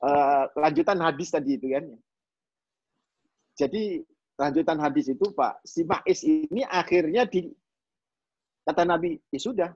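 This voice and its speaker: A husky-voiced man with an East Javanese accent teaches a hadith lesson in a chatty, repetitive way, often speaking straight to his listeners. His voice sits a little high for a man. The recording is dry and dull, with a lo-fi sound. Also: a little slow, long pauses, a little mellow, no echo. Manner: conversational, repeats key phrases, often addresses listeners as "Pak". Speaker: religious teacher. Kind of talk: hadith study lecture.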